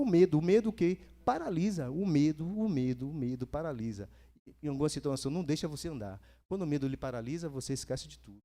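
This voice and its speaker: A man from Brazil preaching a sermon in a church, lively, repeating phrases for emphasis and asking the congregation questions. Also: a little high.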